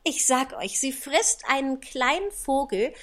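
A man's voice: extremely high pitch, slow pace, a bit bright, pitched above the performer's own voice, exaggerated voice. A man voicing a polite, curious and eager little girl in an audiobook reading. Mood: wistful. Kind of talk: audiobook character voice.

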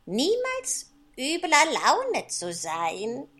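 A moralizing old mother toad, as a male reader puts her on lectures slowly in a high, shrill storybook voice. Her tone is bright and sharp, with wide swoops. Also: huge pitch swings, exaggerated voice. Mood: preachy. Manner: moralizing, slow.

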